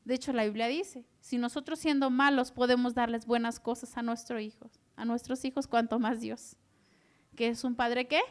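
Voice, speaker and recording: A woman preaching a sermon, animated and asking her listeners questions. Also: fairly high pitch, normal speed. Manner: animated, asks the audience questions.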